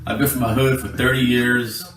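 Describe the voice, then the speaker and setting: A man's voice: medium pitch, level tone, moderate pace. Forties male vlogger, preachy and blunt; off-mic in an echoey room with faint music. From Los Angeles area. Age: 40s. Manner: blunt, preachy street talk, calls the viewer "homeboy". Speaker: YouTuber. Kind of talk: direct-to-camera vlog. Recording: roomy, distant clip with faint music.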